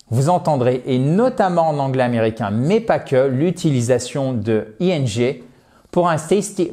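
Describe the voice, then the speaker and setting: A man teaching a language lesson online, talking straight to his viewers in a lively, emphatic way. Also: mid-range voice. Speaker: English teacher.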